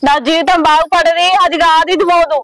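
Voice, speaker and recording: A woman's voice: very high-pitched, flat delivery, a little fast, fairly bright tone, low-quality recording. A woman playing a young village wife worn down by her drunk husband, bitter and complaining, with a Telangana Telugu accent. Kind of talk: village short film drama.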